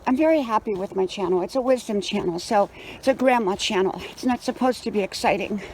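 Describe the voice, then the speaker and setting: A woman in her sixties vlogging casually while out on a run, chatty and reflective, offering gentle homespun advice outdoors. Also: medium pitch, a little fast, a little hiss or hum, poor audio. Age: 60s. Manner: chatty, reflective, talking while running at an easy pace. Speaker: vlogger with a wisdom channel. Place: outdoors on a trail and roadside.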